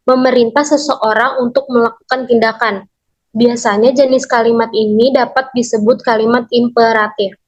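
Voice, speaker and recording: A young woman, a university student, reading a lesson summary aloud in a steady, list-like way, numbering each point. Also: on the high side, muffled recording. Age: young adult.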